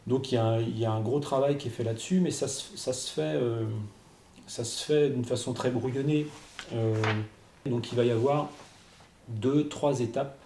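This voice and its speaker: A man, a comic book artist, answering interview questions in a hesitant way, repeating words and pausing with fillers. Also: medium pitch, steady tone, warm tone. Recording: roomy echo, faint noise.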